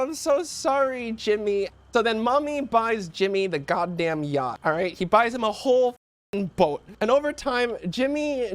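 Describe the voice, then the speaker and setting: Man, high voice, animated, rambling reaction commentary, swearing. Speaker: streamer reacting to a video.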